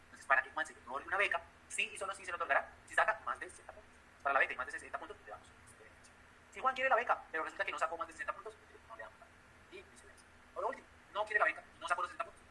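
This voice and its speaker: A man's voice: fairly high pitch, rapid-fire, sharp tone, slight background noise, poor audio. A man teaching a math class, walking through logic with everyday examples and asking the class questions. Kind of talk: classroom lecture.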